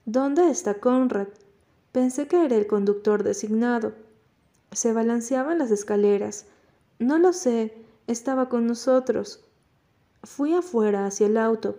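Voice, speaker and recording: Mellow-voiced woman reading an audiobook. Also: fairly high pitch. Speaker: audiobook narrator. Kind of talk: scripted first-person narration.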